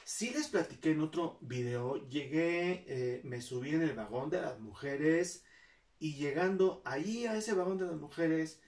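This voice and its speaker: A woman's voice: sits low, expressive, measured pace, darkish tone, recorded from a distance. A woman with a Mexican accent telling personal stories to her viewers in a chatty way, acting out the people she quotes. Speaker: vlogger. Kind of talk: casual storytelling to viewers. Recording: roomy, mic set back.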